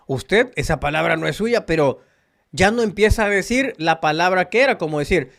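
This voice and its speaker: A Salvadoran man with a Salvadoran Spanish accent hosts a spiritual channel, delivering an earnest, preachy monologue aimed directly at his viewers. His voice sits high and a bit bright, with lively intonation, vocal fry and a moderate pace.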